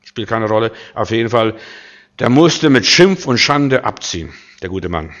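A man preaching a sermon, emphatic and full of rhetorical questions, moving between loud declarations and quiet asides. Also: fairly low pitch, sing-song, normal speed, dull audio.

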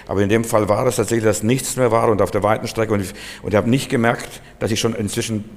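German guy preaching, lowish voice, big echoey church hall, tells stories with lots of punch. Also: quick pace. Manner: lively, anecdotal, emphatic preaching. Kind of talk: sermon.

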